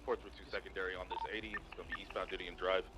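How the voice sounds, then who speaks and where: A man's voice: deep voice, little pitch movement, racing. A man making terse police call-outs over a walkie-talkie radio, clipped and full of radio jargon. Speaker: police officer in a roleplay. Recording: dull, muffled radio with loud noise.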